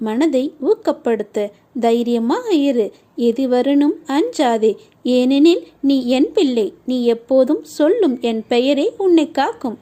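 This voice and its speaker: A woman reading a scripted devotional message in a tender, consoling tone, speaking to the listener in a deity's first-person voice. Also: sits high. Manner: steady, reading cadence in long lists of short phrases.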